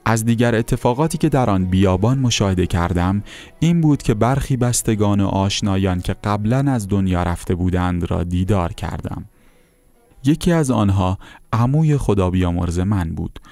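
A man calmly reading a first-person account aloud as narrator. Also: lowish voice, creaky, soft background music.

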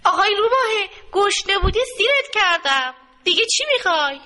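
A woman voicing a small, frightened mother crow who pleads in a high, quavering voice. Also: expressive, pushed and bright, full character voice. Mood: anxious.

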